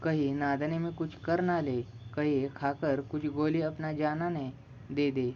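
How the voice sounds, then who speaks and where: A man's voice: a little high, flat delivery, a little slow, muffled recording, slight background noise, close to an everyday voice. A man voicing an anxious, loving mother who pleads with her son through tears. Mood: tearful. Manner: pleading, emotional.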